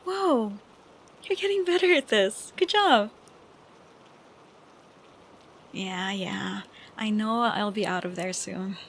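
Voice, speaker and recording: Steady rain fills the background as a young woman with a mid-range voice voices a loving, troubled college-age best friend in a close audio roleplay. Her tone is affectionate and wistful, and her delivery is soft, halting and slow, broken by sighs.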